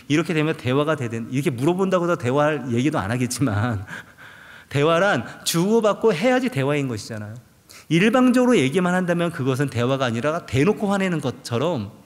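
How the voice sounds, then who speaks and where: A male pastor preaching a sermon, asking the congregation rhetorical questions and acting out quoted prayers. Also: fairly high pitch. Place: large church sanctuary. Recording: long church hall reverb.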